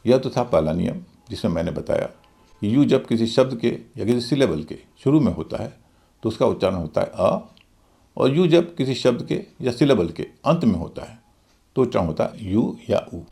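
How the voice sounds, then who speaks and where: Gravelly-voiced male English teacher. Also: medium pitch, very animated, moderate pace, warm tone. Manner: methodical, spells out words letter by letter. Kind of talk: scripted video lesson.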